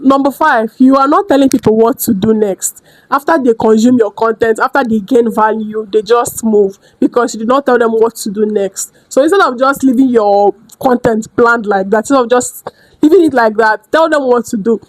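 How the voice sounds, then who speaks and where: Lively woman giving sales tips. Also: fairly high pitch, normal speed, no echo, rough recording. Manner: direct and lively, acts out customers and sellers. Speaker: business coach. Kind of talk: casual teaching vlog. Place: indoors at home during a rainstorm.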